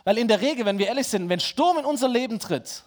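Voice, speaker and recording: A man's voice: very high-pitched, expressive, fast. A man preaching a sermon in a conversational way, speaking directly to his listeners and asking them rhetorical questions.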